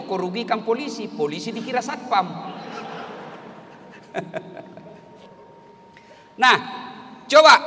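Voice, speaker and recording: A middle-aged man preaching a humorous sermon in a large hall, telling funny stories and rising to shouted exhortation. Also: high-pitched, slight background noise. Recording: hall reverb, faint ambience.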